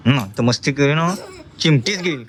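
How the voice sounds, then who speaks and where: A man's voice: on the high side, normal speed, fairly bright tone, slight background noise. A man vlogging about his family, talking to viewers while firmly coaxing and teaching his small child at mealtime. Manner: coaxing and firm, teaching a toddler.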